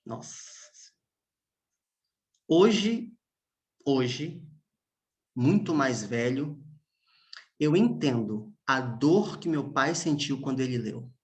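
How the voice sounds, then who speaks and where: A man, a pastor preaching a sermon as emotional storytelling, with long pauses and hushed moments. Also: mid-range voice, animated.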